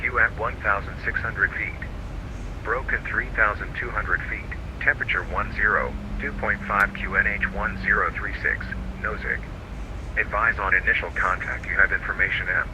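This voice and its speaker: A low-pitched man's voice comes through as an airport weather broadcast on the radio. He reads out each figure in a measured, even way. The playback is noisy and heavy with radio hiss. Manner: measured, even readout of numbers. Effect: airport weather broadcast over the radio. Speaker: automated airport information announcer. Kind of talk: recorded information broadcast read out.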